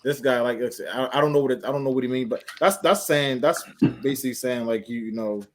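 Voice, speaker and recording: A man riffing in a relaxed sports talk with friends, quick on his words. He mocks and questions in an incredulous, ribbing way. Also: medium pitch.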